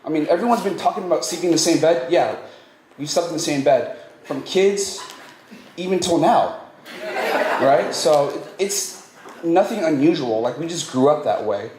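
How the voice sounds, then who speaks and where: Male wedding speaker, playful joker, roomy hall with loud background noise. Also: fairly high pitch, normal speed. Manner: playful, joking with the crowd. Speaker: best man speaker, groom's cousin. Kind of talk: joking wedding toast.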